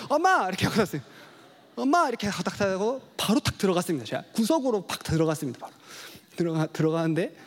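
Fast-talking, high-voiced male pastor. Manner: animated storytelling, acts out child voices. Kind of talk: sermon with personal story.

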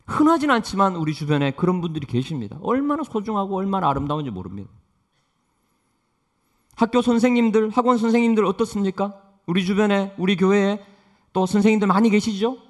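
A man preaches a sermon with a high, very animated voice that rises and falls widely. He tells stories earnestly, swinging between forceful lines and soft, quiet ones. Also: brisk. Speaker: pastor.

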